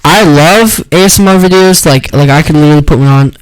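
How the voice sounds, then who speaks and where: A man's voice: fairly high pitch, quick pace, clear, resonant tone, low-quality recording. A man co-hosting a casual podcast, rambling with lots of fillers and slang. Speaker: podcast co-host. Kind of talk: casual chat.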